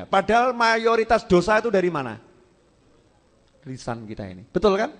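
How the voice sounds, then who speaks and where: A man with a Javanese accent delivers a sermon with a fairly high voice. He preaches in a lively, joking way and slips into acted voices. The sound rings with a long hall reverb.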